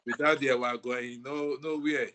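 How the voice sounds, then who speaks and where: A man from Nigeria with a Nigerian accent, talking as a guest in a lively, reminiscing way. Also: medium pitch, moderate pace, background noise. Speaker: guest, brass band musician. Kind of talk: interview guest chat.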